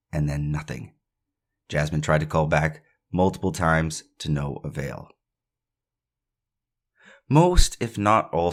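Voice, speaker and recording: Very deep-voiced man hosting a podcast. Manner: opinionated, casual asides between read facts. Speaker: true crime podcast host. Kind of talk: true crime podcast narration.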